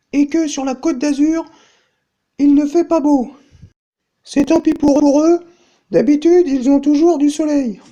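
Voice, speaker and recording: A woman's voice: high-pitched, mellow, muffled recording. A woman playing an offhand, matter-of-fact TV weather presenter in a parody bulletin.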